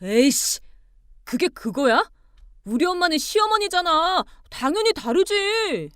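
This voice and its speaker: A woman voicing an angry young husband who shouts and bullies his wife. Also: fairly high pitch, expressive, moderate pace, dry recording, clean studio sound, lightly acted. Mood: angry shouting. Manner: shouting, indignant, stammering when cornered.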